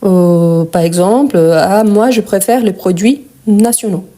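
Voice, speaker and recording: A woman giving a live online French lesson, her voice sitting at an ordinary middle pitch. She talks patiently, repeating each word slowly and putting questions to her viewers before she gives the answers. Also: steady tone, mellow. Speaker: French teacher.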